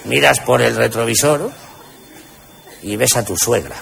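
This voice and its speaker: A man's voice: mid-range voice, measured pace, vocal fry. A man with a Spanish accent doing crude, punchy stand-up comedy, recorded live with audience noise. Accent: Spain.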